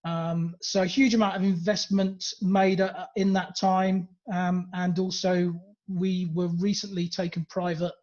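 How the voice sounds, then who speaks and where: A man's voice: high-pitched, flat delivery, a little slow, hardly any pauses, darkish tone. Chatty English man on a dull call line. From England. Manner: chatty, hesitant, many fillers. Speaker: webinar presenter. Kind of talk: presenting on a webinar. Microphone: video call. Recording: lo-fi video call audio.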